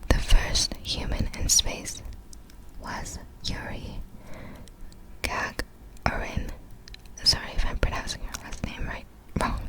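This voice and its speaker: In an ASMR-style clip of low recording quality, a woman reads out facts in nothing but a breathy, gentle whisper. Her phrasing is short, slow and hesitant, her tone apologetic, and hard words tend to trip her up.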